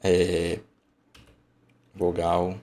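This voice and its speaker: A man's voice: deep voice, completely flat delivery, extremely slow, mellow. A man teaching an online lesson, emphatic and colloquial, thinking aloud as he explains.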